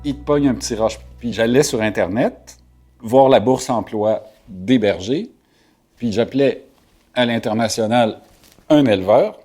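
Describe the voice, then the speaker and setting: Rambling Québécois man, dark husky voice. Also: medium pitch, measured pace, faint music behind. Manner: rambling, many fillers and restarts. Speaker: shepherd and writer, guest. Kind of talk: casual storytelling interview.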